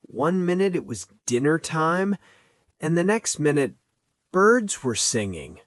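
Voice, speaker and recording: Weary, slow-talking man. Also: a little high, very animated, no echo, studio quality. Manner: groggy, weary, complaining. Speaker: student co-host. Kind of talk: scripted teaching dialogue.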